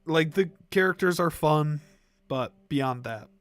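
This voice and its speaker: A man's voice: fairly high pitch, animated, measured pace, fairly bright tone, dry recording. A young man livestreaming, ranking movies in casual chat, rambling with fillers and coughing now and then. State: coughing, throat irritated. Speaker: live stream host.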